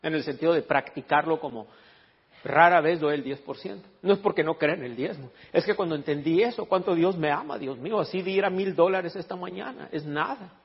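A pastor with a slightly high, breathy voice preaches briskly in church, telling animated stories and joking with the congregation. He reads scripture in English and Spanish, switching into English to do so. The hall echoes and the sound is dull and lo-fi.

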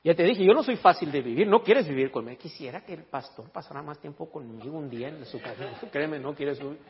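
In a quick, somewhat high voice, a pastor delivers a church sermon full of lively stories and jokes aimed at the congregation. Scripture is read in both Spanish and English, with switches into English. The recording is lo-fi and muffled, in an echoey hall.

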